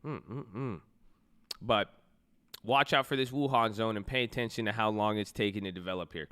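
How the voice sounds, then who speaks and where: A man's voice: lowish voice, steady tone, brisk, bright, forceful tone, clean tone. Hyped man talking markets. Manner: hyped, swearing, slangy. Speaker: stock market streamer. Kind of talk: excited live-stream commentary.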